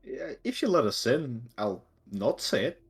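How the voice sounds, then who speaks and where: Guy at a tabletop game, husky lowish voice, really animated, rambles and swears casually. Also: unhurried. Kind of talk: casual chat and in-game narration.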